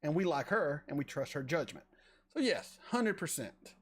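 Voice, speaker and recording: A man's voice: fairly high pitch, sing-song, husky. Rambling man in his forties. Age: 40s. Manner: rambling, halting with repeated words. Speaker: reaction channel host reading chat. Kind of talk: casual live-stream chat.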